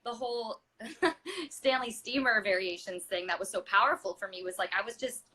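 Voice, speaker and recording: A woman in her thirties, a stage actress and singer, chats casually as an interview guest over a video call. Her voice is a little high and sharp at a moderate pace, and she uses plenty of fillers while acting out quoted voices.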